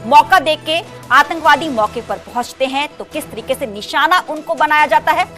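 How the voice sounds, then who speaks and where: Female studio anchor, high voice, formal steady read, soft music bed. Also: normal speed. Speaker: news anchor. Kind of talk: news anchoring.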